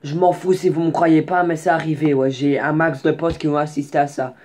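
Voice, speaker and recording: A man's voice: a little high, little pitch movement, fairly quick, darkish tone, slight background noise. A young man casually telling a story in slangy, rambling speech with many restarts and asides. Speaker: vlogger.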